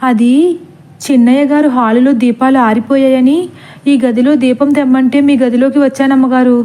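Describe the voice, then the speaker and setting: A woman's voice: high-pitched, little pitch movement, moderate pace, warm tone, natural voice. A woman voicing a timid, superstitious female servant in a storybook horror tale, speaking meekly and pleadingly. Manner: meek, fearful, pleading.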